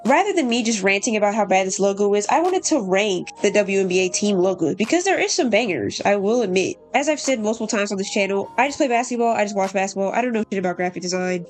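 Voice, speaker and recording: A young woman hosting her channel sounds congested and under the weather as she ranks logos in a casual chat, with faint music behind her. Her mid-range voice is expressive and fast, with hardly any pauses, and she's chatty, blunt, and laughs often.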